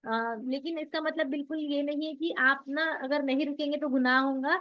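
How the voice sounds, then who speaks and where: A woman's voice: high-pitched, little pitch movement, fairly quick. A woman teaching Quran recitation rules in an online class, who explains patiently and asks and answers her own questions. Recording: dull lo-fi audio.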